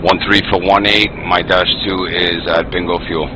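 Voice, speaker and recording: A man's voice: sits low, level tone, moderate pace, background noise. A man chatting casually over flight simulator comms, coaching and reassuring as he leads his wingman.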